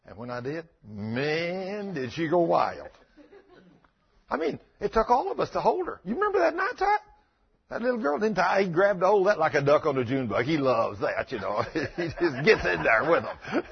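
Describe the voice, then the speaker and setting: A man's voice: on the high side, sing-song, normal speed, gravelly, muffled recording. A man preaching a folksy sermon, telling stories and bantering with his congregation.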